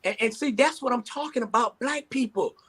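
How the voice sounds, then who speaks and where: A man's voice: very high-pitched, brisk, sharp tone. A man in his sixties with a Southern American accent speaking informally as a panelist in a casual discussion, often repeating his phrases. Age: 60s.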